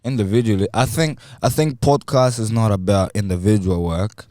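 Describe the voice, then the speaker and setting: Mellow-voiced young man, earnest podcast talk. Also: fairly low pitch, moderate pace, no echo, clean studio sound. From Congo. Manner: earnest, thoughtful, with playful slang. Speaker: podcast co-host. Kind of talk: casual podcast chat.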